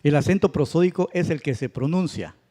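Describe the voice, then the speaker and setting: A man's voice: on the high side, animated, brisk, warm tone. A man teaching a Spanish grammar class, patient and checking understanding with tag questions. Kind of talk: classroom lecture. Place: church classroom.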